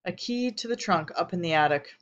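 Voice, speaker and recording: A tearful, soft-spoken mother, read by a woman. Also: on the low side, animated, fairly quick, muffled recording, close to an everyday voice. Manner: soft, small voice. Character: tearful, gentle middle-aged mother. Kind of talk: audiobook character reading.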